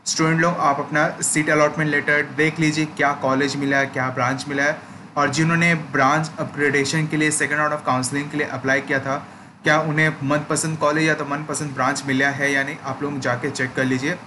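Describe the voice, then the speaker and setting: A young man hosts a screen-recorded tutorial for an education channel, explaining steps patiently and checking in often with listeners by repeating "ठीक है." His voice is a little high, level, and fairly quick, with background noise.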